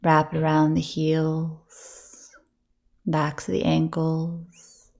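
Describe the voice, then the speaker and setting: A yoga nidra teacher guides a meditation, her low-sitting voice soft, soothing, and breathy, with long pauses falling between phrases.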